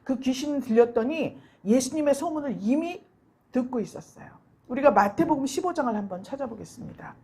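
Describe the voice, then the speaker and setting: A woman pastor giving a sermon in a church, telling the story with lively quoted voices. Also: sits high, brisk, husky. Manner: storytelling, acts out quoted voices with rising emphasis.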